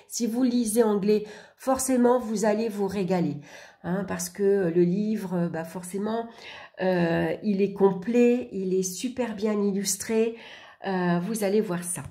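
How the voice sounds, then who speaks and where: A woman's voice: mid-range voice, dark tone. A woman giving a casual show-and-tell of a tarot deck, chatty and full of little asides.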